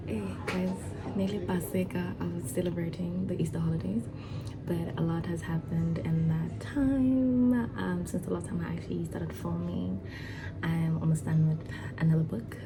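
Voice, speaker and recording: A young woman in her twenties chats to her viewers in a low, fairly flat voice, nervous and excited, restarting her sentences often. Music plays clearly behind her. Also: moderate pace, rough recording. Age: 20s. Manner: chatty, excited, nervous, with many fillers and restarts. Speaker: vlogger and foundation founder. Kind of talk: casual talk to camera.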